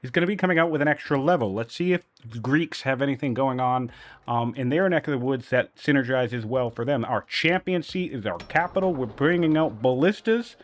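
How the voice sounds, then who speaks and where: A tournament caster for a strategy game, speaking fairly quickly in a mid-range voice, works through numbers out loud. His analysis is peppered with "um" and "you know." He still sounds a bit sniffly from a cold.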